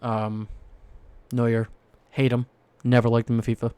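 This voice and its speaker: A young man talks in a rambling, excitable way as he co-hosts a casual podcast, trailing off and restarting his thoughts. His voice sits at a middling pitch, and the recording is close and very dry, with no room sound at all. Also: measured pace, clean tone, no room sound. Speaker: podcast co-host. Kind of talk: casual chat about football cards.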